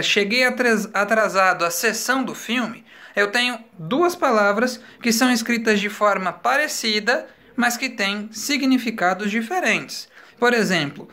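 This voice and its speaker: A man teaches a recorded school lesson in a patient, explanatory way. His voice is bright and forward, and he slows down to spell words out letter by letter. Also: high voice.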